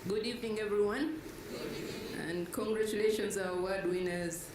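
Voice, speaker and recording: A woman's voice: medium pitch, fairly even intonation, normal speed, echoey room, heavy background noise. A woman from Uganda, a board member, giving formal congratulations at a ceremony.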